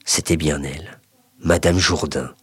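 A man narrating a written short story in an expressive, measured way. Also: very deep voice. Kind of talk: scripted story reading.

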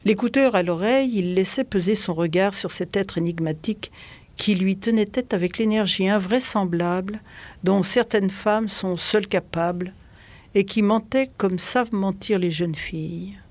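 A calm reader narrating a detective novel in an even, steady voice. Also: mid-range voice, moderate pace, no echo. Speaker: audiobook reader. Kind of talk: literary narration. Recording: dry close recording.

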